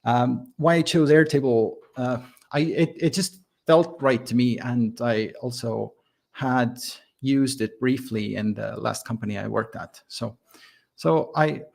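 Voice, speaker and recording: In relaxed interview talk on a podcast, this Estonian software founder hesitates often, restarting and using many fillers. His accent is only faintly Estonian after years abroad, and his mid-range voice is unhurried, creaky and somewhat mellow.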